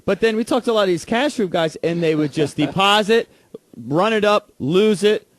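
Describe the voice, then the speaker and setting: A man's voice: high-pitched, animated, no echo. A man hosting an interview, asking curious, casual questions. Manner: curious, prompting with quick questions. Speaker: interview host.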